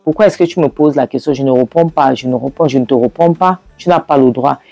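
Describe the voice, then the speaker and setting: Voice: medium pitch, quick pace, dark tone, no echo, soft background music, close to an everyday voice. A storyteller voicing a defiant man who curtly refuses to answer.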